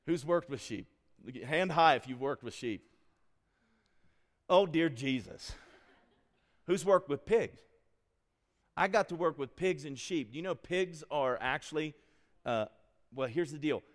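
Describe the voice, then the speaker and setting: A man's voice: mid-range voice, long reverb tail. A man, a pastor, preaching a sermon in a church sanctuary, quizzing his congregation as he goes.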